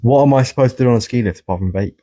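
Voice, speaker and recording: Brief: man, podcast co-host, husky tone, lively swearing banter. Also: mid-range voice, very fast. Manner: animated, swearing storyteller. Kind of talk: casual podcast chat.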